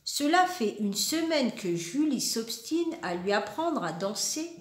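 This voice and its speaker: A woman's voice: a little high, big pitch swings, unhurried, roomy sound. A woman reading children's storybooks aloud with playful character voices, laughing now and then and chatting between lines.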